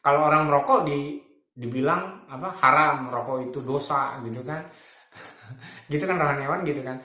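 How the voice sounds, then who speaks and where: A man's voice: fairly high pitch, moderate pace, pushed and bright, reverberant. A man in his fifties giving spiritual reflections in a casual, colloquial way, often chuckling as he makes his points. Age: 50s.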